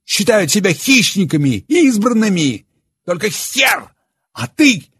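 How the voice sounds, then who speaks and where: A man voicing a furious, bitter young man who shouts and sneers. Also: high-pitched, sing-song, a little slow, breathy edge, no echo, voice pushed up, exaggerated voice. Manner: shouting, raging, bitter sarcasm.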